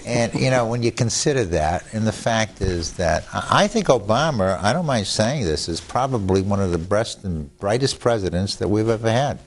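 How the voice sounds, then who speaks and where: An older Italian-speaking lawyer appears as a guest on a studio talk show, chuckling and restarting himself as he talks. His lowish voice is expressive, moving at a moderate pace with few pauses.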